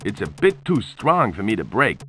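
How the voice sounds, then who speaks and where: A man's voice: on the low side, huge pitch swings, moderate pace, a bit bright, faint music behind. A man playing a laid-back, wisecracking adventurer pilot in a video game. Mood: wry.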